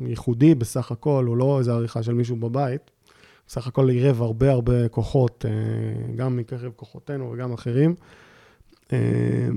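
A man speaking as a podcast guest, explaining a volunteer memorial project in a halting, searching way with frequent pauses. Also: mid-range voice, creaky, mellow, no echo, studio quality. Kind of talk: casual conversation.

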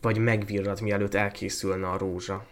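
A man's voice: lowish voice, flat delivery, close to an everyday voice. A man voicing a calling, urgent rose tree. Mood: urging. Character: urging old rose tree.

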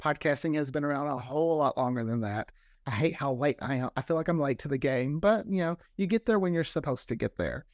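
A podcast creator guests on a show, chatting casually in a fairly high-pitched voice at a brisk pace, recorded in a studio with no echo. He's enthusiastic and talkative, often acting out imagined dialogue.

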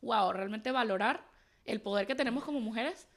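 A woman's voice: a little high, moderate pace, a bit bright. A woman hosting a podcast, chatting supportively and reflectively with her guest. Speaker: podcast host. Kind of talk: casual interview chat.

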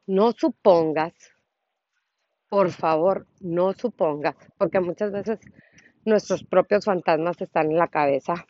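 A woman's voice: medium pitch, darkish tone, dry recording, lo-fi sound. A woman with a Mexican accent hosting her own solo podcast, speaking earnestly and with feeling, firing off rhetorical questions. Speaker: podcast host. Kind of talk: reflective solo podcast monologue.

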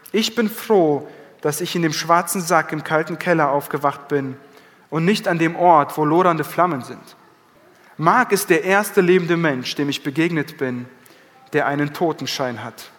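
A man preaching an Easter sermon with dramatic emphasis, often slowing his words down. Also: a little high, a bit bright. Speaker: pastor. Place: church hall. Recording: church hall reverb.

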